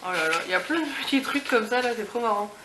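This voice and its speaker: A woman's voice: a little high, animated, fast talker. A young woman vlogger chatting casually through an unboxing review, gushing over the item, with many fillers and restarts. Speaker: beauty and lifestyle vlogger. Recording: echoey room with background noise.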